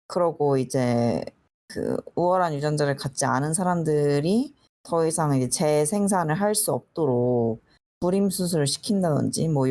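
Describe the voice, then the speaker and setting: A woman's voice: sits low, dark tone. A woman co-hosting a casual podcast, explaining hesitantly as she searches for words. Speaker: podcast co-host.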